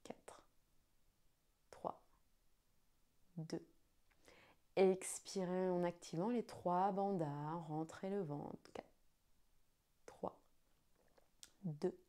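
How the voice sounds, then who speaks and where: A woman guiding a breathing exercise as a yoga teacher, counting breaths slowly with pauses between the numbers. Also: lowish voice, steady tone, warm tone.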